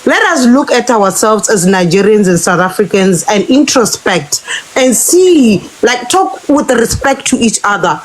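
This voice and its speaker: A woman's voice: mid-range voice, expressive, measured pace, low-quality recording. A woman from Botswana on an online panel, earnestly urging people to reflect. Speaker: panel guest.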